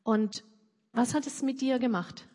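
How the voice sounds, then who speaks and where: A woman interviewer asking gentle questions with frequent hesitations. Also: on the high side, steady tone, measured pace, long reverb tail. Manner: hesitant, many fillers. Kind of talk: interview questions and book reading.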